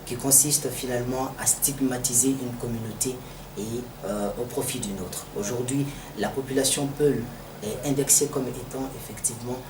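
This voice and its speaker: A man from Mali with a Malian French accent gives formal political analysis in a deliberate, didactic manner, repeating phrases for emphasis. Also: mid-range voice, fairly even intonation. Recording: echoey, distant mic, noisy background.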